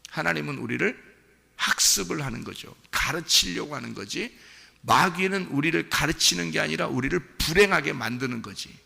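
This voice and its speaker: A man's voice: on the high side, lively intonation, moderate pace, gravelly, sharp tone, husky, big-room sound. A male pastor preaching a sermon in an earnest, conversational way, speaking straight to his listeners. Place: church sanctuary.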